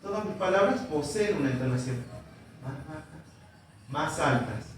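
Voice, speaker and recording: A man's voice: a little high, lively intonation, moderate pace. A male teacher giving a classroom lecture, explaining patiently and often checking in with his students. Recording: echoey room from far off, faint noise.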